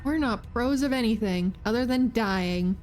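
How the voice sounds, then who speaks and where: Girl streamer chatting over a game, highish voice, takes her time. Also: measured pace, darkish tone, faint music behind. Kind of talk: casual live game commentary.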